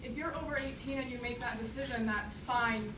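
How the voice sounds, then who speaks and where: A young woman making a measured, steady argument as a student debater. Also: fairly high pitch. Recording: echoey room, distant mic, noise.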